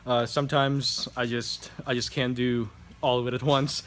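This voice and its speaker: A man vlogging casually while he works on a motorbike indoors, talking with a relaxed manner and thinking aloud with fillers. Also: mid-range voice, normal speed. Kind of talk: casual commentary while working. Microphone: camera mic, handheld then set down.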